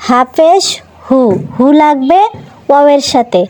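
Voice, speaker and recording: A woman teaching Quran reading to children in a slow, patient lesson, spelling out each letter and vowel mark, then repeating the syllable. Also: high-pitched, darkish tone, no room sound, poor audio. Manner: asks the listeners questions and answers them herself.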